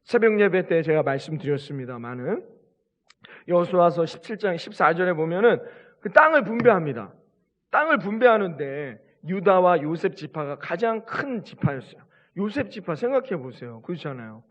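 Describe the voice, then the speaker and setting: A man's voice: high-pitched, sing-song, normal speed, a bit bright, highs cut off. A man, a pastor, preaching a sermon in a church, asking rhetorical questions and building to emphatic peaks. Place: church sanctuary.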